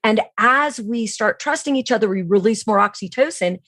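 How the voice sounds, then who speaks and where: A woman with a slightly high, fairly bright voice guests on a podcast as a sales training expert, connecting through a remote online call. Animated and at a moderate pace, she explains instructively and often answers her own questions; the sound is studio quality with no echo.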